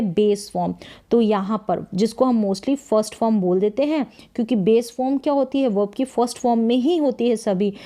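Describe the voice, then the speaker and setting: A woman teaching English grammar to learners, explaining each rule and repeating key phrases. She says her English example sentences slowly and clearly. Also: fairly high pitch, mellow.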